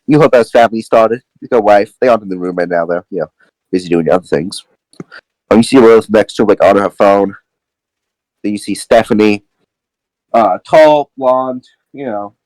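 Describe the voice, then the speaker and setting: A man's voice: lowish voice, a little mellow, no room sound, poor audio. A man narrating as game master in a casual, rambling way with many fillers.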